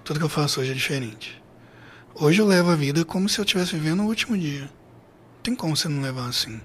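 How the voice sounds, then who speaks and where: A middle-aged Brazilian man with a hoarse, gravelly voice, telling a personal story as an interview guest in a halting, emphatically repetitive way. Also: a little high, lively intonation. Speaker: podcast guest.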